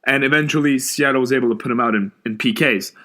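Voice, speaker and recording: A young man co-hosting a podcast, discussing games in an easygoing way and chiming in with quick agreements. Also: mid-range voice, bright, forceful tone. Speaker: podcast co-host. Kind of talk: casual sports chat.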